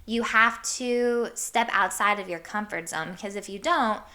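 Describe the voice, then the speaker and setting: A woman from Iowa hosting her podcast, telling stories in a hyper, animated way with casual swearing. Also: medium pitch, normal speed. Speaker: podcast host. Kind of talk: casual storytelling monologue.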